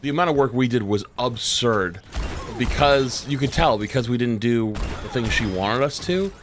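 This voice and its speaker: Over his gameplay stream, a young man with a medium-pitched voice chats casually at a moderate pace, spinning a long story. He swears freely, uses lots of fillers, and grows animated when complaining, with faint hiss and game sounds in the background.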